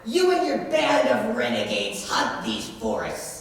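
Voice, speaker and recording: Teen girl playing a slow, blustering Sheriff of Nottingham. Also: a little high, huge pitch swings. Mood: accusing. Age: teenager. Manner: pompous, blustering, declaiming. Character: pompous, blustering, indignant Sheriff of Nottingham, outraged by outlaws. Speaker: student actor. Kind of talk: high school stage play acting. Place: school stage or auditorium, indoors. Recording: distant mic, very echoey noisy hall.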